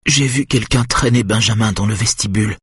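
A man's voice: mid-range voice, expressive, normal speed, a bit bright, breathy edge, dry recording, studio quality, voice pushed up. A man voicing a distraught young mother who pleads weakly through tears in an audiobook. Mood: desperate. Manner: breathless, pleading and tearful.

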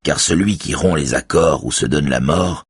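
A man's voice: very deep voice, moderate pace, husky, no echo, studio quality. A man voicing a sinister male collector who keeps his menace tightly controlled behind a smile, read in an audiobook. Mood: cold. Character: sinister smiling male collector, cold host.

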